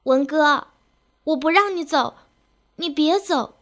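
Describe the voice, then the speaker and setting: A woman voicing a young lovesick village girl who clings and pleads in a high, tearful voice. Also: expressive, a little slow. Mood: sobbing plea.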